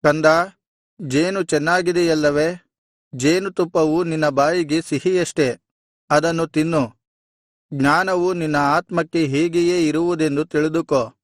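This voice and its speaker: A man giving a measured, solemn reading of scripture. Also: on the high side, fairly even intonation, dry recording, clean studio sound. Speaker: Bible reader.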